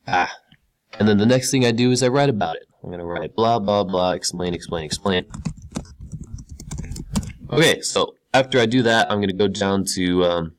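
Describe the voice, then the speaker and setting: A male teacher talking casually through each step of a screen-recorded tutorial, repeating key words for emphasis. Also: lowish voice. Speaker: computer science teacher.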